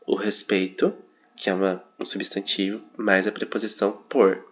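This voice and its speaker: Young man, student presentation, low voice, hesitant with fillers, muffled lo-fi audio. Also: flat delivery, normal speed. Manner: hesitant, frequent fillers and self-corrections. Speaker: psychology student presenting coursework. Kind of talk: informal presentation of a concept map. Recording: dull lo-fi recording.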